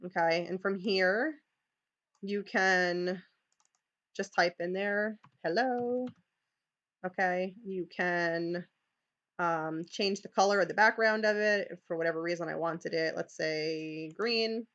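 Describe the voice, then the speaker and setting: New york lady walking teachers through slides on a live stream, kinda low voice, says okay a lot, muffled lo-fi sound. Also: fairly even intonation, takes it slowly, fairly bright tone. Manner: chatty, many "okay"s and restarts. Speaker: teacher leading a training session. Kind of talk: live screen-share tutorial.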